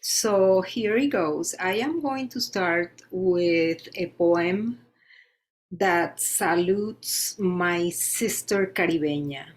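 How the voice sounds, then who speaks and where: A woman reading her own poems aloud for an open mic event in a slow, deliberate recitation, from a self-made recording. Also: fairly low pitch, poor audio. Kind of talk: poetry reading. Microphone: self-made video recording.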